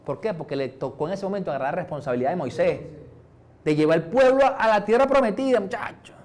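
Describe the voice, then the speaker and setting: A middle-aged Venezuelan man preaching a sermon as pastor, conversational, dropping softer to act out prayers. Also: sits high, animated, quick pace. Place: church.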